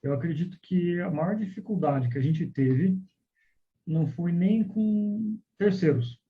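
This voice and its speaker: A man guest and father talking in a relaxed way in a casual interview, telling small stories. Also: high voice, unhurried. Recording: dull lo-fi sound.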